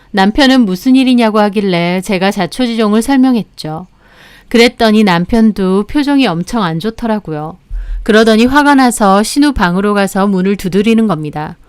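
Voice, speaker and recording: A woman's voice: mid-range voice, smooth, dry recording, clean studio sound. A young adult woman narrating her own story in a firm, matter-of-fact way.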